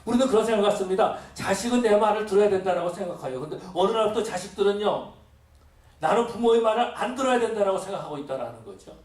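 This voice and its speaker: A man's voice: high voice, expressive, fast talker, darkish tone. A middle-aged male pastor with a cold, preaching emphatically and asking many rhetorical questions. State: has a cold. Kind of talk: sermon. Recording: echoey, from a distance.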